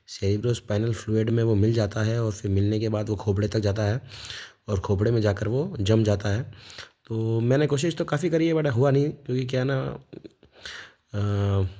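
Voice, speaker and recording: Man, 30s, from India; soft warm tone, rambling off-the-cuff monologue, lots of fillers and restarts. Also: lowish voice. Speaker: vlogger. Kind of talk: casual spoken monologue.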